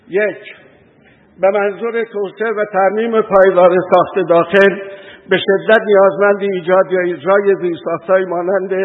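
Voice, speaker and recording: A man with a notably high voice reads a formal prepared address, working through long lists at a steady, measured pace. The sound is thin and phone-like. A long reverb trails each phrase as if in a large hall. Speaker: industry association representative.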